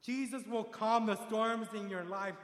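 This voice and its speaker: A man preaching a sermon, building from calm storytelling to loud, emphatic passages and acting out voices. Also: high-pitched, unhurried. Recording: echoey hall with long reverb.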